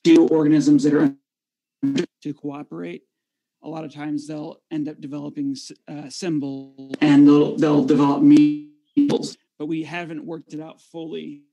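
A man's voice: on the high side, level tone, unhurried, gravelly, mellow, echoey room, low-quality recording. A man explaining a scientific point as a guest on a live online show, his call audio cutting out and jumping in level. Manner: explanatory, with restarts. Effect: audio cutting out with level jumps over a call connection. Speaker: debate guest. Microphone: remote call audio.

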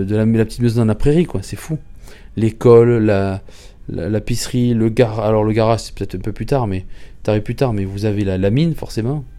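Male vlogger, very dark and mellow tone, casual halting travel recap. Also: mid-range voice. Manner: halting, many restarts and repeated words.

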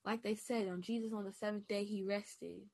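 A woman in her twenties gives a reflective personal monologue in a preacher-like style. She makes emphatic declarations with call-and-response asides, then drops to soft, hushed affirmations. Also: medium pitch, steady tone, normal speed. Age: 20s. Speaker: podcast host.

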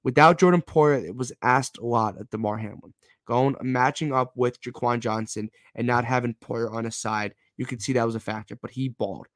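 A man's voice: medium pitch, fairly even intonation, normal speed, dry recording. Bro-ish man hosting a casual football show. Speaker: sports show host. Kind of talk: casual live football fan-show commentary.

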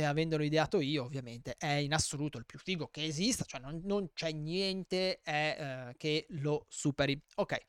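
A man's voice: a little high, smooth, no room sound, studio quality. A man hosting his own self-defense podcast, talking solo with joking, self-mocking asides.

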